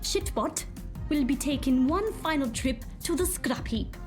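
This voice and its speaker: A woman's voice: sits high, expressive, unhurried, faint music behind. A woman playing a caustic, scornful, sarcastic workshop boss in a video game. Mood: scornful, exasperated. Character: foul-mouthed, scornful female boss of a robot workshop. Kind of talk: video game character acting.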